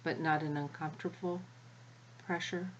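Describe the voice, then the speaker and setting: A woman leading a guided spiritual energy activation as the guide, speaking in a measured way with long pauses between short phrases. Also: sits low, steady tone, muffled recording, a little hiss or hum.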